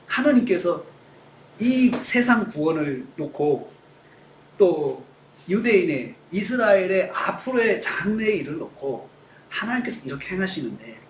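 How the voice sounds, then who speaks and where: A man's voice: high voice, big pitch swings, a little slow, roomy sound, a little hiss or hum. A male pastor preaching a sermon, acting out quoted lines in shifting voices. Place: church sanctuary.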